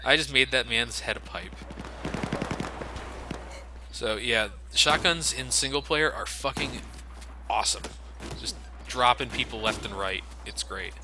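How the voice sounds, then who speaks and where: Amid noisy, loud video game gunfire and action, a let's play commentator with a mid-range voice talks a little slowly and pauses often. He explains the game in a casual way, swearing plenty.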